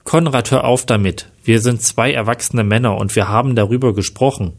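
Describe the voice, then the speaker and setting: A man's voice: mid-range voice, fairly quick, close to an everyday voice. Bitter, hot-tempered middle-aged investigator, read by a man, plain storybook delivery. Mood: agitated.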